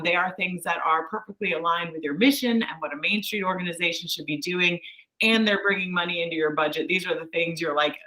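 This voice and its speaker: A woman's voice: on the low side, fairly bright tone, rough recording. A woman presenting an online fundraising workshop in a chatty, encouraging way, on a video call. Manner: chatty, encouraging, with light laughs.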